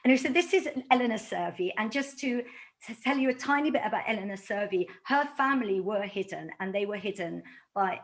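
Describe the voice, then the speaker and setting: A middle-aged woman from London speaks as an author addressing a community audience. Her voice sits at an ordinary middle pitch. She tells her stories with animation and slips into the voices of the people she quotes. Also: fairly quick. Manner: animated storytelling, acts out quoted dialogue. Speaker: author giving a talk.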